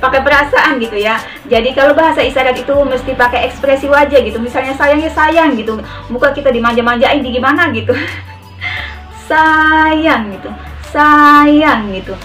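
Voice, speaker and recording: In a relaxed sign language tutorial, a high-voiced woman chats away, slowly saying each word again as she shows its sign. She sits at some distance from the microphone, and gentle music is faintly audible in the background.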